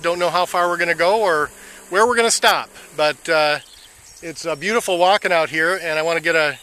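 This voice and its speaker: Walker, male, slightly high voice, casual diary, stop-start delivery, faint noise outside. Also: bright, forceful tone. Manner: halting, with many "uh" fillers. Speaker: walker filming a fundraiser walk. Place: outdoors on rural roads.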